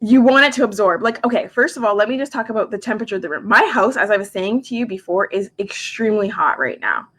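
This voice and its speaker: This makeup artist and skincare specialist in her forties talks products live from her home, loose and chatty. Her mid-range voice is animated with a fairly bright tone, peppered with "like" and quick side comments.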